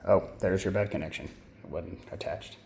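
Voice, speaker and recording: A low-pitched, gravelly man with a slightly mellow tone speaks at a moderate pace and fairly even intonation. He's a hobbyist maker giving a rambling, informal, self-correcting walkthrough of his homemade gear, recorded in a roomy space with faint ambience and slight background noise.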